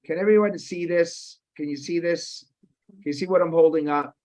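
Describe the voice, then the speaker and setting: A man's voice: on the high side, moderate pace, a little mellow. A man in his fifties moderating an online webinar, talking casually with many restarts and quizzing his audience. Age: 50s. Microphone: video call. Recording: muffled lo-fi video call audio.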